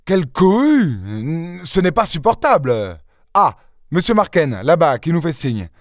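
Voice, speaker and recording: A man voicing a smooth-talking fake police inspector, brisk and chatty with a blustering edge. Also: mid-range voice, sing-song, darkish tone, no echo, studio quality, voice pushed up, natural voice.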